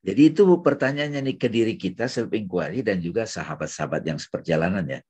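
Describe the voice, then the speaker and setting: A man leading a reflective spiritual study talk, shifting between hushed musing and emphatic phrases. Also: on the low side, animated, quick pace, slightly rough. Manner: swings from hushed musing to loud chanted takbir. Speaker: speaker in religious study session.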